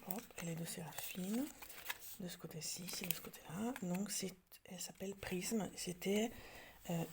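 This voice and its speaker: French woman, lowish voice, hesitant home vlogger who slips into soft near-whispers, faint hiss behind her. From France. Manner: hesitant, many fillers and restarts; drops to soft near-whispers while showing details. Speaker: craft vlogger. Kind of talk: casual show-and-tell.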